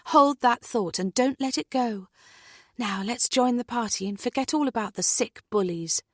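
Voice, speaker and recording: A woman's voice: on the high side, moderate pace, dry recording, studio quality, pitched above the performer's own voice, lightly acted. Woman voicing a firm, upbeat female friend. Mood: firmly reassuring. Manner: firm, emphatic.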